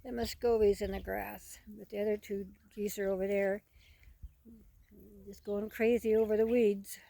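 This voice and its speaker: Folksy and repetitive, a woman rambles through casual, off-the-cuff narration as she films animals for her farm vlog outdoors among the poultry. She speaks at a moderate pace with a medium-pitched, flat, dark-toned voice and noticeable vocal fry.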